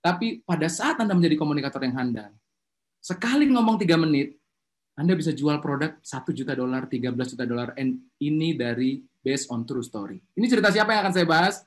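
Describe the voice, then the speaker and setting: A man running an online webinar as a communication trainer, lively and coaxing the audience to answer, speaking through a video-call mic. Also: a little high, fast talker. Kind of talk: energetic online webinar presentation.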